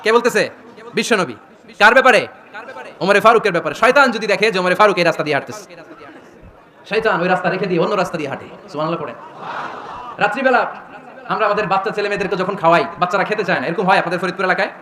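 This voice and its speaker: High, bright-voiced Bengali preacher. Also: male voice, rapid-fire, pauses often, reverberant. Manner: animated storytelling, asks the crowd questions; acts out quoted voices in a louder, higher pitch. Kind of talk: Bengali waz sermon to a crowd.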